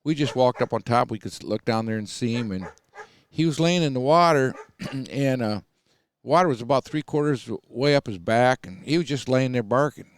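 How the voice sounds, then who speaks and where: A man's voice: mid-range voice, moderate pace, slight background noise. A man who owns a hunting dog kennel, telling stories in a folksy, rambling way full of fillers, recorded for a podcast. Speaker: coonhound kennel owner. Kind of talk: casual storytelling.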